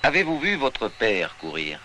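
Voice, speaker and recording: A man's voice: medium pitch, huge pitch swings, measured pace, pushed and bright. A man interviewing people as a reporter, asking probing questions on a 1960s report. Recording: old 1960s film sound, noisy.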